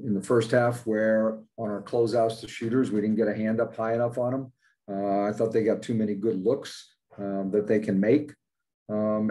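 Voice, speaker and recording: The audio is poor as an older male basketball head coach, low and mellow in voice, handles postgame press conference questions. He answers in a plain, matter-of-fact way full of fillers, on a video call through a webcam at his desk, indoors with a logo backdrop behind him.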